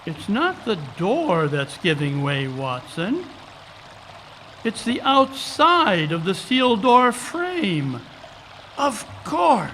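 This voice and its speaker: An actor playing Sherlock Holmes, a keen, unflappable, analytical detective, in a brisk and precise old-time radio drama manner. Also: male voice, high-pitched, huge pitch swings, sharp tone, full character voice. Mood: excited. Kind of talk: old-time radio drama acting, live stage reading. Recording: live conference recording, background water noise.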